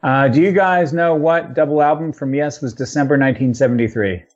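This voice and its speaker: A man hosting a podcast, talking casually and rattling off one title after another. He sounds relaxed and loose, dropping the odd swear word. The recording is dull and slightly lo-fi. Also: a little high, brisk. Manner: rattles off long lists, with fillers and profanity. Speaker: podcast host. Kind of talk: casual chat listing albums.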